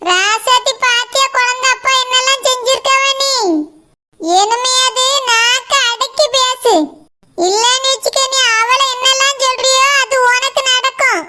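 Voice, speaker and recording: A woman voicing a shrill firm cartoon grandma. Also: steady tone, measured pace, pushed and bright, full character voice. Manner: scolding, protective. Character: firm kindly old grandmother. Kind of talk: cartoon voice acting.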